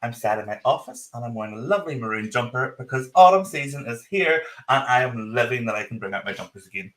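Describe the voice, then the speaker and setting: A man's voice: mid-range voice, lively intonation, fast, a bit bright. A man with a strong Northern Irish accent, hosting a live podcast in a casual, chatty style. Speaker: podcast host. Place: office. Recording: roomy echo on the voice.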